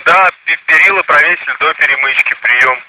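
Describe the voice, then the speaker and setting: A man's voice: on the high side, a little fast, bright, forceful tone, no room sound. A man reporting over a crackly walkie-talkie in clipped, procedural radio phrases, repeating himself for confirmation. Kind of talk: two-way radio exchange, procedural call-outs. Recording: crackly two-way radio transmission.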